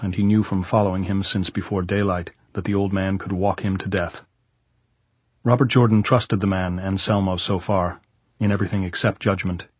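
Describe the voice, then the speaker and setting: A man's voice: low-pitched, slightly rough, dry recording. A man narrating a literary novel as a scripted audiobook reading.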